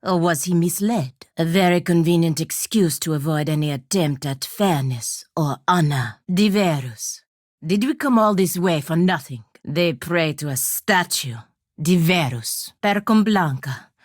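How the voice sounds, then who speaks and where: A low female voice brings weight to a proud, honor-bound warrior in fantasy video game dialogue. Her delivery is formal and stern, clipped into short phrases with an embittered edge. The recording is very dry, with no room echo.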